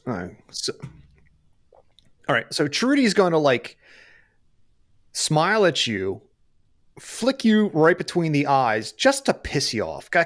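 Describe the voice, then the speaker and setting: A man working as game master, improvising narration for a tabletop game in an animated, conversational way. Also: medium pitch.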